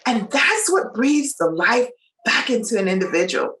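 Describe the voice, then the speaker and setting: A woman's voice: a little high, normal speed, roomy sound, poor audio. A woman from Bermuda, a nurse and coach, giving an emphatic, preacherly motivational talk as an interview guest. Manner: animated, preacherly, emphatic with faith references.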